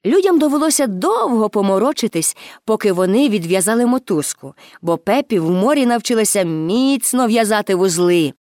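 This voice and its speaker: A woman narrating a children's story aloud, expressive and with dramatic pauses. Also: medium pitch, no room sound, clean studio sound.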